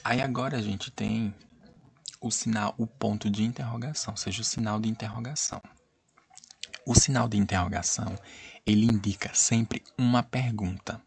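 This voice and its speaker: A man with a Brazilian accent teaches an online class in a low, gravelly, husky voice. He circles back over the same points and keeps asking the class whether they follow. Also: steady tone, normal speed, darkish tone. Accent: Brazilian Portuguese. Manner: repetitive, checks students understand. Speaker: Portuguese teacher.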